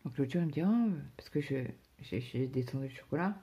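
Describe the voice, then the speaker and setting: A woman's voice: very deep voice, animated, a little fast, mellow, slightly rough. A woman chatting casually to her viewers about her day, rambling, with many fillers and restarts. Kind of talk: casual personal chat to viewers.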